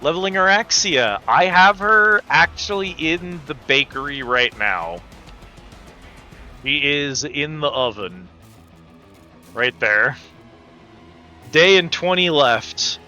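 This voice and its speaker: Over video game music, a streamer talks casually and effusively with the audience during play. The mid-range voice is sharp and animated yet slow, with long pauses.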